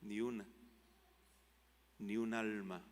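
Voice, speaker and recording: A male pastor preaching a sermon, with fervent rises to loud exclamations and drops to low, quiet lines. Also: little pitch movement, takes it slowly. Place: church hall. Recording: long church hall reverb.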